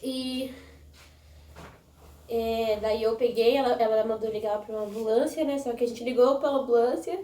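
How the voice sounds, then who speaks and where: Young woman vlogger, rambling chatty storyteller, a bit high, recorded in an echoey room away from the mic. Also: steady tone, normal speed, warm tone, recorded from a distance. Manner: rambling, with frequent "né?" and restarts. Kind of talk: casual storytelling to viewers.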